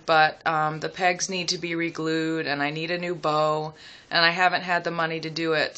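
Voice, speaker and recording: Bright-voiced young woman, slow and reflective. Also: low-pitched. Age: young adult. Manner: hesitant, reflective, thinking aloud with pauses. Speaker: vlogger. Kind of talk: casual, rambling personal chat to camera. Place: small room at home, seated indoors.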